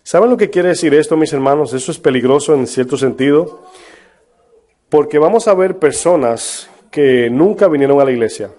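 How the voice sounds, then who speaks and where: A man's voice: fairly high pitch, moderate pace, mellow. A man preaching a sermon as pastor, emphatic, with rhetorical questions to his congregation. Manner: mocks false prophets in a put-on voice.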